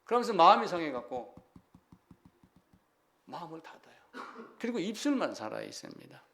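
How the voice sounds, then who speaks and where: A male pastor preaching a sermon in a lively, animated way, acting out people crying out to God. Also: on the high side, normal speed.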